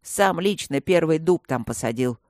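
An ancient male dragon, as a woman reader puts him on, amused and mocking, with slow, heavy speech dropped well below her own pitch. The sound is dry and close, with a dark, low tone throughout this audiobook figure. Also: expressive, dry recording. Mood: amused, sly. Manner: slow, booming, lower voice.

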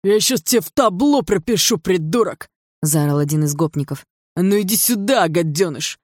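A man's voice: on the high side, big pitch swings, moderate pace, creaky, darkish tone, slightly rough, no echo, studio quality, exaggerated voice. A man voicing a rude, threatening adult street thug in an audiobook, talking in crude slang. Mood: aggressive. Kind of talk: audiobook dialogue reading.

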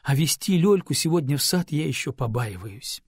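A husky-voiced man voicing a worried young mother who pleads gently with her daughter, read for an audiobook. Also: a little high, lively intonation, normal speed, no room sound, clean studio sound. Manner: pleading, tender.

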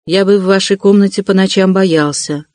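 A man's voice: sits high, fairly even intonation, moderate pace, a little mellow, dry recording, lightly acted. A man reading an audiobook, voicing a brooding young man with curt, clipped questions, close to his own voice.

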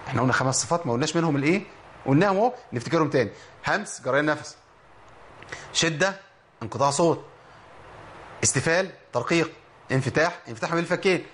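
An Egyptian man gives a Quran pronunciation lesson in a slightly high voice. He stretches and repeats example words to drill each sound. Faint noise sits under the recording. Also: fairly bright tone. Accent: Egyptian Arabic. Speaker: Quran recitation teacher. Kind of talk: Egyptian Arabic tajweed lesson.

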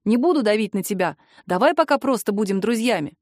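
A woman voicing a clingy young man who keeps pleading, spoken lower and more subdued than her narration. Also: animated, fast talker, darkish tone, no room sound, clean studio sound, lightly acted.

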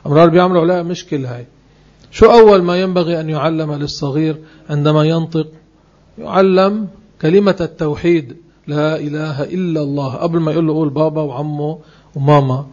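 A man giving a religious lesson. He speaks emphatically and slows down to spell out phrases word by word. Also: a little high, fairly even intonation, darkish tone, muffled recording. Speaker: religious teacher.

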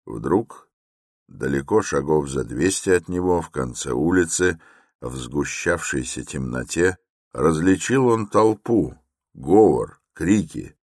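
A man narrating a classic novel as an audiobook in a measured, even reading. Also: rumbling low, dry recording, studio quality. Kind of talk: scripted literary narration.

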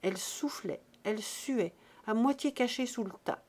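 A woman narrating a classic novel aloud in a measured, expressive way. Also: on the high side, slightly rough. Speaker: audiobook reader. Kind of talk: literary narration.

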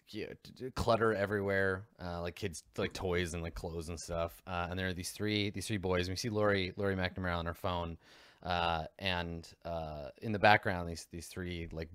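A man's voice: deep voice, dry recording, studio quality. A man narrating as game master of a tabletop role-playing game, rambling with many fillers and restarts.

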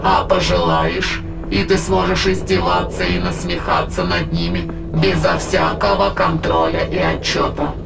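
A long villainous monologue from an audio drama: a megalomaniac spirit from another world, voice creaking and gravel-throated at medium pitch and level tone, lays out its plan to conquer humanity. Formal, measured, and grandiose, it sounds coldly tempting and persuasive as dramatic music plays clearly beneath.

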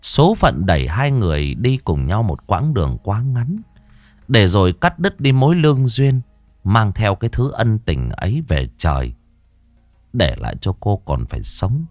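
A man's voice: fairly low pitch, very animated, measured pace, no echo, faint music behind. A man reading a ghost story aloud in a dramatic, mournful storytelling manner, close to the mic. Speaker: narrator. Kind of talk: scripted ghost-story narration.

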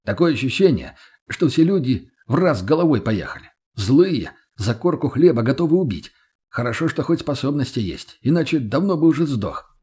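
Laid-back brash young man, voiced by a male narrator, husky, slangy, talks straight. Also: medium pitch, very animated, moderate pace, a little mellow, pitched above the performer's own voice. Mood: blunt. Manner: blunt, offhand, street slang.

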